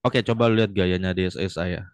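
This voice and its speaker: A man's voice: low-pitched, quick pace, clean tone, dry recording. A young man giving casual stock market commentary, blunt and chummy, lecturing the viewer like a friend.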